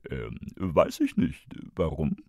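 A man doing a deep drawling fly boy. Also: huge pitch swings, takes it slowly, gravelly, dark tone, no echo, studio quality, exaggerated voice. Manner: drawling, lazy. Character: young male fly, laid-back and knowing.

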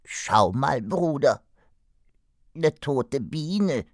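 A man voicing an excitable, gossipy young male fly whose pitch jumps around. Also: drawn-out words, dry recording, clean studio sound. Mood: chatty. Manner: excitable, wide swings in pitch.

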